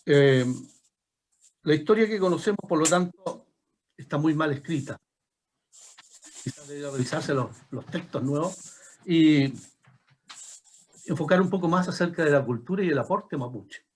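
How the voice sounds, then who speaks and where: A man in his seventies with a Chilean accent, a retired teacher giving an informal lecture over a video call, halting, with frequent restarts and asides. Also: fairly high pitch, lively intonation, a little mellow, slight background noise. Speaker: retired teacher presenting a talk.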